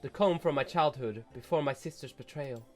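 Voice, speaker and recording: A man's voice: medium pitch, moderate pace, darkish tone, soft background music, voice pushed down, close to an everyday voice. Man voicing proud serpent-woman Cassiopeia. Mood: wistful. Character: proud tragic snake-woman noble, aloof. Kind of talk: reading game dialogue aloud.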